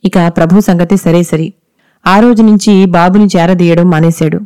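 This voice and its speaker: A woman narrating a scripted story in a steady, measured way. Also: on the low side, smooth, no room sound.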